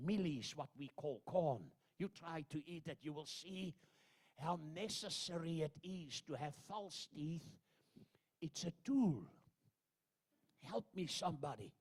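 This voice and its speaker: An older man from Zambia preaching a sermon, swinging from hushed asides to loud shouted proclamations. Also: a little high. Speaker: pastor.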